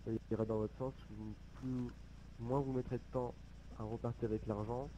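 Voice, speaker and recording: A man speaking haltingly and politely, improvising a negotiation in an online roleplay game. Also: medium pitch, little pitch movement, dark tone. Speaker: player acting as police negotiator in an online roleplay. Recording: noisy voice chat with clear background noise.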